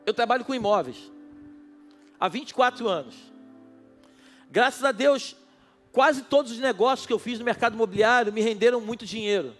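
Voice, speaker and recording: A man's voice: extremely high pitch, moderate pace, pauses often, faint music behind. A male pastor preaching a sermon at a night church service, passionate and speaking straight to his listeners. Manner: impassioned, addresses listeners directly.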